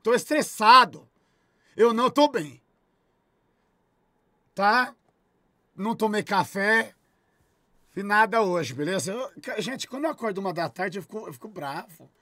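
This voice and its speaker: Man streamer, irritated and sarcastic, swings his pitch widely, dry close sound. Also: expressive, unhurried, long pauses, pushed and bright, no echo. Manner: irritated, sarcastic ranting with heavy swearing. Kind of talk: casual live-stream chat.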